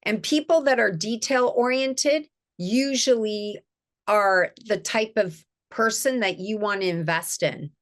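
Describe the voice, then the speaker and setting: A woman's voice: medium pitch, a little slow. A middle-aged woman, an image consultant, speaking as a guest in an enthusiastic, emphatic, storytelling manner. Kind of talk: casual interview chat.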